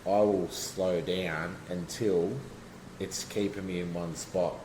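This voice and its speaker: A man's voice: low-pitched, steady tone, slow pace. An Australian man chatting casually and explaining his fishing technique, often restarting his sentences. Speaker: guest angler. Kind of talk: casual chat. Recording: echoey room, faint background noise.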